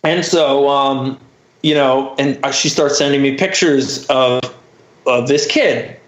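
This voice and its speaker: As a podcast guest, a man tells a personal story casually and candidly, swearing freely and leaning heavily on "like" and "you know." He speaks slowly in a mid-range voice, and the audio sounds roomy, slightly dull and muffled.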